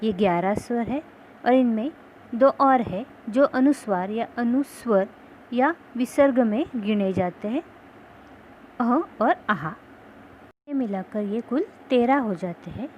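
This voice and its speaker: A woman reading a grammar lesson as a teacher, explaining slowly and carefully and sounding out letters one by one. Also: a little high, a little mellow, poor audio. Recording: faint background noise.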